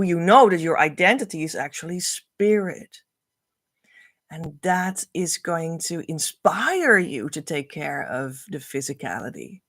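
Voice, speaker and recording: A spiritual coach, a Dutch woman speaking English with a Dutch accent, teaches spiritual values on a livestream. Her fairly low voice flows earnestly and repetitively, phrases trailing off softly. The recording is dry and studio quality.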